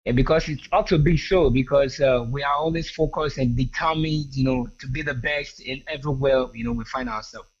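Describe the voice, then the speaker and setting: A man guesting on a radio interview, with a mid-range voice. He restarts his sentences often and fills every pause with "you know." The audio is dull and lo-fi. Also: mid-range voice. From Edo State, Nigeria. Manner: hesitant, full of "you know" fillers and restarts. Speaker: singer and guest.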